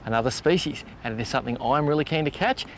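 A man with an Australian accent hosting a fishing show from a boat outdoors, excitable and chatty, laughing often. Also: mid-range voice, quick pace. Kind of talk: casual outdoor fishing commentary.

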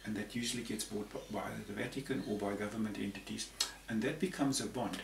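Speaking at a quick pace in a fairly low, creaky voice with a steady tone, a man in his sixties from Zambia talks as a panel guest. His explanations ramble conversationally, and he often repeats words. The setting is a room with a patterned tapestry backdrop, captured in a roomy, distant recording with faint hiss.

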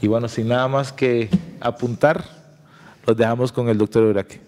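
A man, presenting a lecturer to an audience in a formal, measured way with frequent fillers, speaking into a table mic. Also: medium pitch, steady tone, a little mellow, in a large hall. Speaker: event presenter introducing the speaker. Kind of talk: reading a formal introduction. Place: small gallery room with audience. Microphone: table mic on stand.

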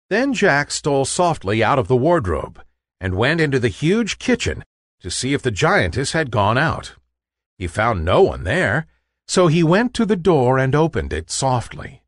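Slow, lively storybook narrator, a man. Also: mid-range voice, no echo, studio quality.

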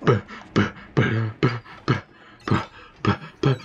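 A man's voice: slow, dull audio, a little hiss or hum. A man giving profane commentary while playing a horror game, laughing often and talking back to the game. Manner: swears a lot, laughs often, talks to the game. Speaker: let's play gamer.

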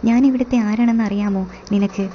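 Woman doing a haughty wealthy lady, curt, flat delivery, faint hiss. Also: medium pitch, fast talker, highs cut off, natural voice.

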